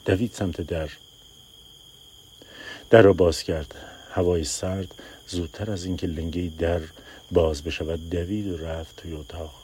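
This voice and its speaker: Deep-voiced man reading a story aloud, steady and measured. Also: slight background noise. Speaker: narrator. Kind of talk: storytelling narration.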